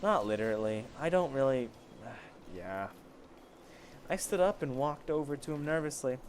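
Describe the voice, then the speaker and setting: A man reads fan fiction aloud casually as an amateur story reader, stumbling over the text and correcting himself. His mid-range voice is animated and moderately paced, with slight background noise.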